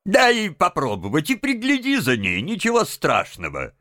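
A kindly gentleman motorist , as a man reading the book plays him, fusses in hearty exclamations that leap around in pitch. The recording is close and dry. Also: huge pitch swings, moderate pace, no echo, exaggerated voice.

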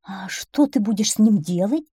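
A cunning storybook fox who coaxes her prey with fake kindness and light mockery, acted out by a woman reading aloud. Her voice is mellow and soft-edged, and it swoops lively up and down. The sound is dry. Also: mid-range voice, normal speed, slightly rough, no echo, pitched above the performer's own voice. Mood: sly. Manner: coaxing, mocking, falsely kind. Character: sly sweet-talking female fox, a cunning predator.

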